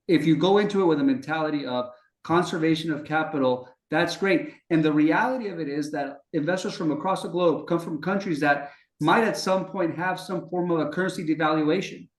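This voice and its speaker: Recorded in an echoey room, a podcast co-host who works as a business development executive speaks on the high side and fairly quickly. The format is a conversational interview, and he talks fluently and confidently through long explanations.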